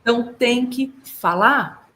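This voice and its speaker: A Brazilian woman consultant and German teacher giving lively, explanatory advice over a video call, sounding out German words to show how they are said. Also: a little high, slow. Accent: Brazilian Portuguese.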